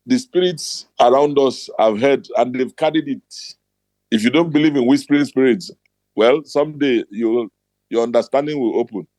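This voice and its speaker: A man's voice: mid-range voice, darkish tone, no echo. A middle-aged man with a Nigerian accent, hosting a motivational talk and telling his stories bluntly and emphatically. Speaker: host.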